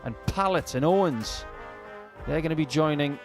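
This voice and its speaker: A man's voice: on the high side, normal speed, soft background music. A man presenting live darts coverage and commentary.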